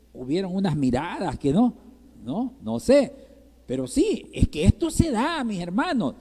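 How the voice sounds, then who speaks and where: Preaching in Ecuadorian Spanish, a male pastor from Ecuador speaks in a high, mellow voice that echoes through a reverberant church hall. He repeatedly checks in with the congregation and puts rhetorical questions to them during the sermon.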